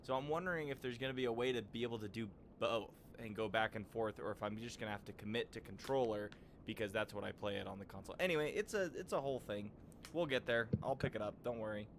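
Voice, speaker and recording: A man's voice: on the low side, quick pace, slight background noise. A man chatting casually as a streamer during gameplay. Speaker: gaming streamer.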